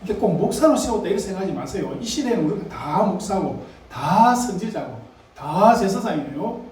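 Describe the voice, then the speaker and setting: Male pastor, sermon, mellow slightly high voice, heard from a distance in a big echoing church. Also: lively intonation, fairly quick, slight background noise. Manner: conversational preaching, asks the congregation questions. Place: church sanctuary. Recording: echoey church hall, mic at a distance.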